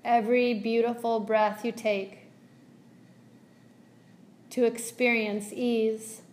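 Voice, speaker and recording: A woman teaching yoga walks listeners through a guided meditation, her delivery soft, soothing, and measured, with long pauses between phrases. Her voice is a little high and holds a level tone.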